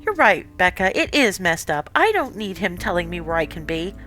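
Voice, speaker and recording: A woman's voice: fairly low pitch, sing-song, moderate pace, a bit bright, faint music behind. A woman voicing a sulky, snippy teenage girl who resents her father. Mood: defiant. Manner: snippy and dismissive.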